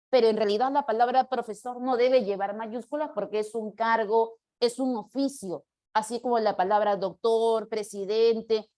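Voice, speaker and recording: A fairly high-voiced woman teaches punctuation in a live online class. She explains patiently, slowing down to read example questions aloud and answering students by name. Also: a little mellow. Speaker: language teacher.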